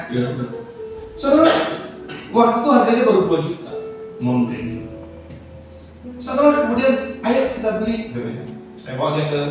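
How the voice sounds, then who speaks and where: An older man from Sumatra preaching a sermon, telling personal stories and calling the congregation "saudara" again and again. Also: high voice. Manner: addresses the congregation as "saudara" constantly. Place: church hall. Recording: echoey hall from far off with music.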